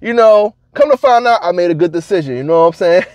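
A man vlogging to camera, telling stories in a casual, slangy, animated way and laughing between lines. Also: high-pitched, slight background noise.

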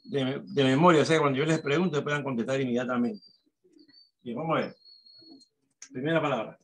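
A man's voice: medium pitch, steady tone, brisk. A male teacher dictating a lesson to a class, repeating his instructions and often checking in with the pupils.

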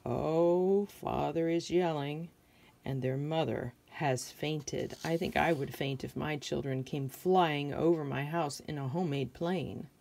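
A middle-aged American woman reads a picture book aloud to children, stopping for simple questions and observations along the way. Her low voice is gravelly and a little mellow, and she keeps a measured pace.

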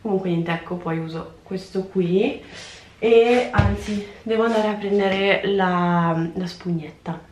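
A woman's voice: medium pitch, slow pace, a little mellow, a little hiss or hum. A woman in her twenties chatting casually to viewers while she cleans a small bathroom, filmed by a camera on the counter. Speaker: vlogger. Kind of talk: casual cleaning vlog chat. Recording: echoey tiled room.

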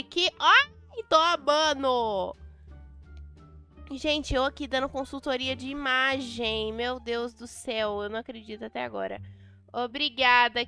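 A woman with a Brazilian Portuguese accent gushes through casual gameplay commentary and reads her own chat messages aloud. Her voice sits high and bright, and she speaks at an unhurried pace. Soft music plays faintly behind her. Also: smooth. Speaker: Roblox gameplay vlogger.

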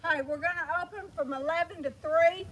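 A woman's voice: extremely high pitch, brisk. A woman auctioneer calling a live outdoor auction, chanting bid amounts over and over. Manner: repetitive chanting of bids. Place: outdoors in a yard. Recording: outdoor phone video with people around. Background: people talking in the background.

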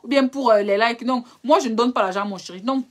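A young woman with a fairly high voice talks quickly as she hosts a live relationship advice stream. She answers viewer questions directly and in a scolding tone, calling viewers "brother" and "darling."

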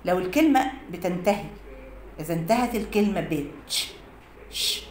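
Egyptian female teacher, slightly low voice, walks through phonics examples, faint noise behind. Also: lively intonation, a little fast, a little mellow. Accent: Egyptian Arabic. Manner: explains phonics rules with many examples. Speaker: English teacher. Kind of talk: English pronunciation lesson. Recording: echoey room with faint noise.

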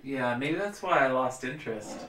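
A co-host watching a video game and chatting casually, with relaxed, teasing comments. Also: medium pitch, normal speed, reverberant, far from the mic, slight background noise. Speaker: let's play co-host. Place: home room with a cat.

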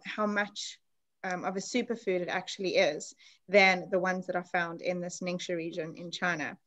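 A woman's voice: medium pitch, a bit bright. Woman host, chatty explainer, video call class. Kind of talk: online class presentation.

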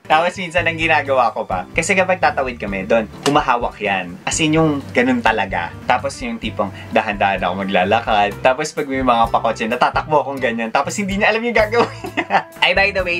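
A man's voice: mid-range voice, sharp tone. A young Filipino man vlogging, telling stories with friends in a playful, teasing way, laughing often and mixing English into his Tagalog. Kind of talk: casual storytelling with friends.

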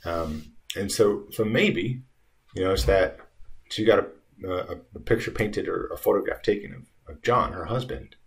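A male teacher annotating a short story as he reads, talking haltingly with many fillers and restarts. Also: low-pitched, vocal fry.

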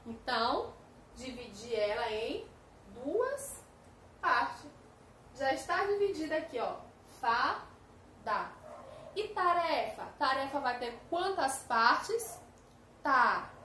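A woman with a Brazilian Portuguese accent teaching a first-grade lesson, slowly sounding out syllables for young children. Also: high-pitched, big pitch swings, a bit bright. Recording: echoey room with faint ambient noise.

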